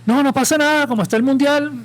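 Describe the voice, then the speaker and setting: A man's voice: very high voice, fairly even intonation, fast talker. A man with a Colombian Caribbean coast accent, talking as a guest on a live podcast in an impassioned, opinionated, rambling way. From Colombia, Caribbean coast (Santa Marta). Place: live podcast event with audience.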